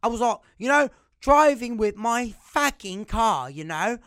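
A man's voice: very high voice, sing-song, takes it slowly, smooth, no room sound, clean studio sound, voice pushed up, full character voice. A man putting on a rowdy, foul-mouthed English-speaking bloke in a mixed British, Australian and Irish accent. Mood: ranting. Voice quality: loud, swearing rant.

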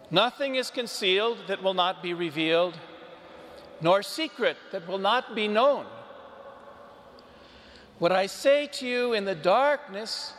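A priest proclaiming the gospel in a slow, solemn, measured liturgical reading, with a cathedral echo around his voice. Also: high-pitched, fairly bright tone, a little hiss or hum. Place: large church. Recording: long church hall reverb.

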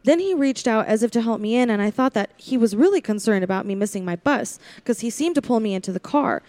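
Fast and fairly high, with lively intonation, a woman speaks close to her everyday voice against background noise. Her role is a lonely young drive-in waitress in a 1940s-style radio play, and her first-person narration feels wistful, wary and confiding.

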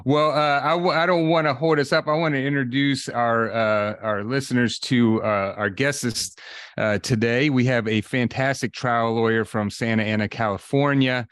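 A man hosting a podcast in a conversational, halting manner, repeating words as he goes. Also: mid-range voice, steady tone, fairly bright tone, clean tone, no room sound. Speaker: podcast host. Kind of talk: conversational introduction of a guest.

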